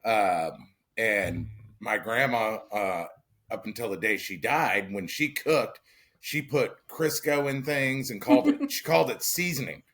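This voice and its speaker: Bright-voiced easygoing male podcast host. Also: on the low side. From Missouri, raised in Northern California. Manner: easygoing storyteller, frequent "uh" pauses. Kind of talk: casual podcast chat.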